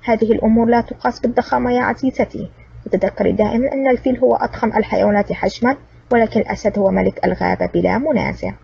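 A woman's voice: fairly high pitch, racing, creaky, warm tone, slightly rough, full character voice. A woman doing a coolly sarcastic male hero. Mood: cool sarcasm. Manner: cold, mocking sarcasm. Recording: distant, dull lo-fi recording.

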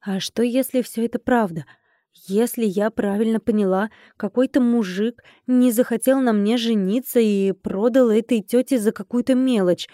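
Mellow woman narrating an audiobook. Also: fairly high pitch, moderate pace, no room sound, studio quality. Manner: wry, conversational inner monologue. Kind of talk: first-person audiobook narration.

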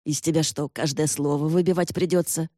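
A woman's voice: sits low, fairly even intonation, fairly quick, mellow, dry recording, clean studio sound. A woman voicing a fierce young warrior woman who speaks harshly, almost growling.

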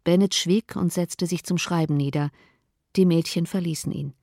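A woman narrating an audiobook of a classic novel in a steady, clear reading voice. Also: fairly low pitch, normal speed, dry recording, clean studio sound.

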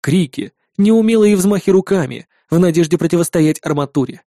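A man reading first-person audiobook narration in a gruff, sardonic manner. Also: high-pitched, expressive, brisk, warm tone, no room sound, studio quality.

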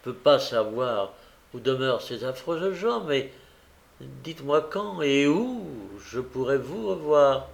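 A man reading the part of a kind, virtuous young lady who speaks in an earnest, gently coaxing way. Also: medium pitch, lively intonation, slow pace, gravelly.

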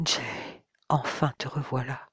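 A tender young woman comforting her fiancé in a hushed voice, as read by a male narrator. The reading stays soft, recorded close and dry. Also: a little high, little pitch movement, moderate pace, no echo, lightly acted.

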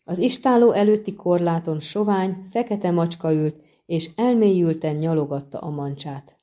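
A woman narrates a fantasy novel in a steady, measured way. Her voice is low and dark, mellow in tone. The delivery stays even across the prose. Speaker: audiobook narrator. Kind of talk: scripted narration.

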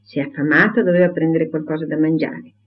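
A man narrating a classic novel as an audiobook reader, reading in a measured, even way. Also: a little high. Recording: tinny phone-like audio.

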